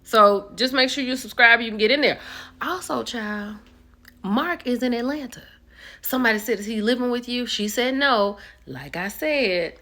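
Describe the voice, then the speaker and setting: A chatty woman hosts casual commentary on a reality show. Her voice is bright and forceful, and it jumps high when she gets excited. She talks into a close vlog mic. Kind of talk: casual chat.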